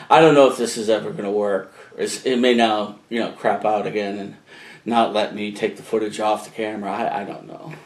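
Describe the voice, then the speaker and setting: A man with a New England accent talking casually to a camcorder at home, rambling and chatty with lots of fillers and asides. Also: lowish voice. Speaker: musician video blogger. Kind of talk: casual talk to camera. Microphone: camcorder microphone. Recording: roomy echoey room.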